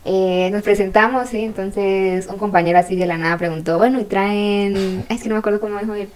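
A young woman from Colombia, telling anecdotes in a lively way as an exchange-student guest. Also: medium pitch, a little fast, a little hiss or hum, rough recording. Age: young adult. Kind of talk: casual interview chat.

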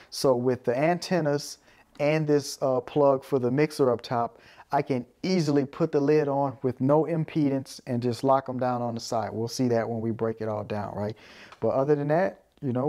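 This audio gear video is hosted by a man whose voice sits at a medium pitch with a dark tone. Speaking casually from a small carpeted room, he demonstrates the equipment hands-on, step by step, frequently adding "right?" to check in.

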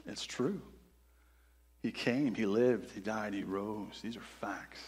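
A man's voice: fairly low pitch, slow pace, darkish tone, breathy edge. A man preaching a sermon in a church, reading scripture and asking the congregation earnest rhetorical questions. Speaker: pastor. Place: church sanctuary.

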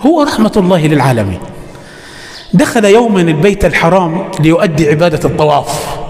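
A man's voice: on the high side, big pitch swings, fast, a little mellow. A man with an Egyptian accent preaching a storytelling sermon in a mosque, emphatic and slipping into colloquial asides. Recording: echoey mosque hall.

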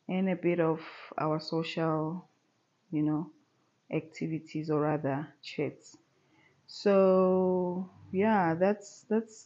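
A woman in her thirties vlogging casually from a living room sofa, talking in a relaxed, chatty way with many pauses. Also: fairly low pitch, dull audio. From South Africa. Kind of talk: casual chat to camera. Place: bright living room at home, seated on a sofa.

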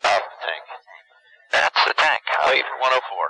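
A man speaks as an astronaut in terse, procedural cockpit callouts. His voice is very sharp and forceful, with lively pitch, over a slightly noisy radio headset intercom. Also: moderate pace, gravelly. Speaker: astronaut crew member on radio. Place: cramped spacecraft cockpit. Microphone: helmet headset.

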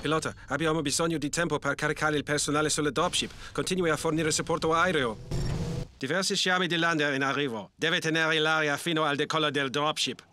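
A man's voice: a little high, fairly even intonation, brisk, noisy background, natural voice. A man playing an urgent, commanding military officer calling out orders in a space combat video game.

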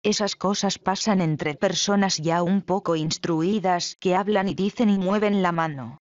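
A reader voicing a sharp-tongued older woman servant in a dramatic play reading, speaking bluntly and mockingly. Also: mid-range voice, measured pace, no echo, natural voice. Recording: dull, lo-fi, dry.

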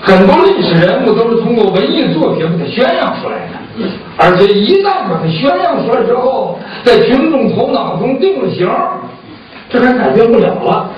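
Casting: male pingshu storyteller, high-pitched, conversational and rhetorical, recorded from afar in a very echoey hall. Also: sing-song, normal speed. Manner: conversational, rhetorical questions, acts out short exchanges. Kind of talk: traditional Chinese pingshu storytelling performed live to an audience. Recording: roomy echoing hall, distant mic, dull sound, faint noise.

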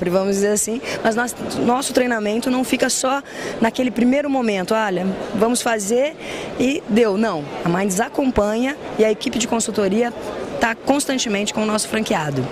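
A woman in her thirties, a school franchise director, giving an upbeat promotional answer in an interview. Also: fairly high pitch. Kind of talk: trade fair interview. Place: busy indoor trade fair hall. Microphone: handheld mic held by interviewer. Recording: noisy trade fair hall.

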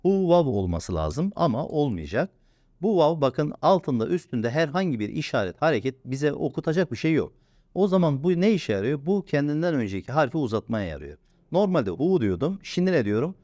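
Patient male teacher, lively pitch. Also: no echo, muffled recording. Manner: patient, repeats sounds slowly and asks himself questions. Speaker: Quran reading teacher. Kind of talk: step-by-step recorded lesson.

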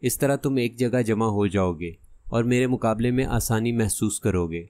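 A man voicing a cunning masked gunman in an audiobook who gives hushed, threatening orders. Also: on the low side, dry recording, lightly acted. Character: menacing masked male gunman, cunning and cold.

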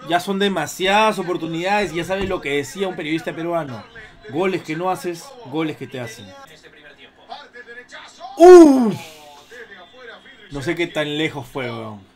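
A man in his thirties giving casual, slangy live reaction commentary on a football match, cursing and yelling at the goals. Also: fairly high pitch, normal speed. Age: 30s.

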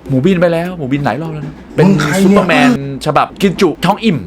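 A young man hosting a gaming channel, excitedly commenting on a puzzle game and talking to his viewers. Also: a little high, racing, over a noisy crowd. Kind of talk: let's play commentary.

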